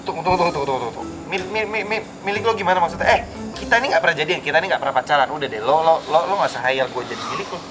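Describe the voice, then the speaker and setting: A young actor playing the male lead, talking fast and stammering when flustered, in a TV drama. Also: medium pitch, close to an everyday voice. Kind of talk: TV drama acting. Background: music score.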